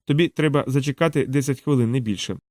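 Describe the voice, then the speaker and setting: A man voicing a kindly male alien pilot, speaking in a hushed whisper. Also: medium pitch, fast talker, dry recording, studio quality, natural voice.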